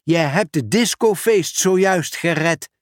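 A man's voice: fairly high pitch, takes it slowly, dry recording, studio quality, pitched above the performer's own voice. A man reading a storybook aloud, voicing a cheerful, dutiful postman in a slightly raised, eager voice.

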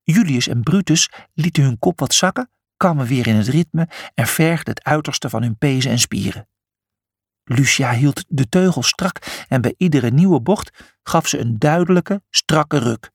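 A man's voice: mid-range voice, expressive, a little slow, husky, no room sound, clean studio sound. A man narrating a children's adventure story, reading expressively.

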